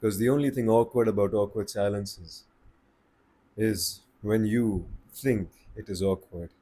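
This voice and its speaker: A man with an Indian accent giving calm, slow-paced advice on speaking to the camera. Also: fairly low pitch, husky. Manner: slow, calm and deliberate, with pauses. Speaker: voice coach. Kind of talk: casual advice talk to camera.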